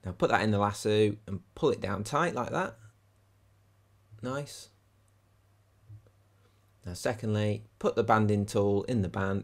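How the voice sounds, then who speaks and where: A man's voice: lowish voice, no echo. Man explaining a fishing setup. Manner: practical, chatty step-by-step explaining. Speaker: angler demonstrating fishing rigs, channel host. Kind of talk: instructional how-to talk. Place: outdoors by a lake on a windy day.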